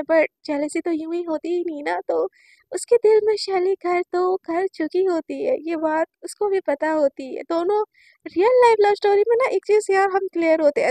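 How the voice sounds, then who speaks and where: A woman with a very high voice tells a love story casually, chatty and repetitive, acting out the characters' lines. The recording is close and dry. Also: darkish tone, dry recording.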